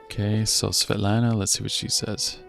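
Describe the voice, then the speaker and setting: A man hosting a let's play video, casually reading game text aloud and thinking out loud about his choices. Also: lowish voice, level tone, moderate pace, vocal fry, soft background music.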